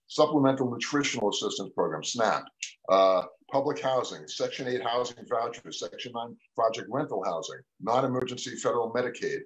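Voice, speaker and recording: A man's voice: mid-range voice, poor audio. A man, an immigration attorney talking on a live radio show, casual and emphatic, says he is losing his voice. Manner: conversational, lots of "you know" and "all right?".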